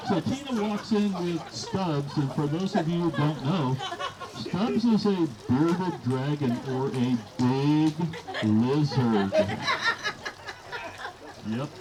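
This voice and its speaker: A middle-aged man with a slightly high, lively voice gives an informal wedding toast as father of the bride, speaking slowly and telling folksy stories while acting out the quoted dialogue. It's a rough live-event recording with clear crowd noise in the background.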